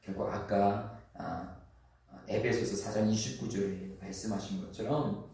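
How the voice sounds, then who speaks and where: A man's voice: fairly low pitch, fairly even intonation, unhurried, creaky, mellow. A male pastor preaching a sermon, pressing emphatic rhetorical questions on the congregation and leading them in reading scripture together. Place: church sanctuary. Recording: echoey church hall, mic at a distance.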